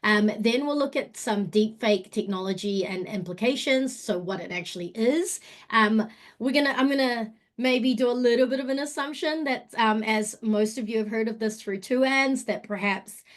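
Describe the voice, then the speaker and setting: A woman born in Malaysia presents a webinar over a video call, her voice sitting a little high. She talks in a relaxed, unhurried way with plenty of ums. It sounds like she is speaking from home. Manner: relaxed, many fillers, mixes in te reo Māori phrases. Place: home in Auckland.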